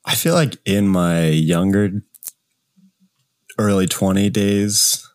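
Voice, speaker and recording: A man's voice: low voice, steady tone, slow. A man co-hosting a film podcast in casual chat, laid-back, dropping dry quips.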